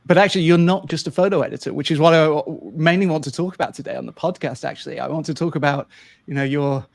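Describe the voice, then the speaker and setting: Gravelly-voiced podcast host man. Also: fairly high pitch, fairly even intonation, fast, no room sound. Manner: conversational, encouraging, leading questions. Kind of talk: podcast interview.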